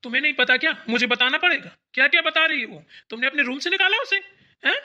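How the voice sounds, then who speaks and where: A protective elder brother in a cartoon family story, as a performer plays him, doting on his sister and quick to scold. His voice sits high for a man and sounds very bright and sharp. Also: lo-fi sound, exaggerated voice. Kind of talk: cartoon voice acting.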